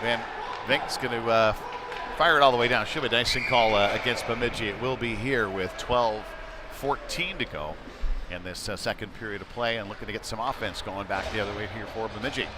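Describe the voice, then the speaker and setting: A man with a fairly low voice calls a youth hockey game live from an indoor rink, the arena noise clearly audible behind him. He works as a play-by-play commentator, talking fairly quickly in a conversational way and bursting into excited calls whenever a scoring chance comes up.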